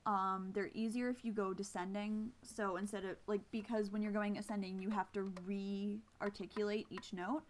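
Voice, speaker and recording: A woman's voice: mid-range voice, flat delivery, moderate pace, hardly any pauses, a little hiss or hum. A woman flute player with missing teeth, giving an informal, hesitant and self-deprecating tutorial. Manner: casual, self-deprecating, hesitant while explaining. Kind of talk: informal instructional talk with demonstrations.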